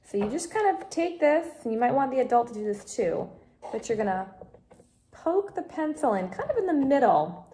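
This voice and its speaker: A woman's voice: a little high, very animated, normal speed, dark tone. A woman teaching a home craft tutorial on a phone camera, explaining each step patiently and coaching a child beside her. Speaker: craft instructor.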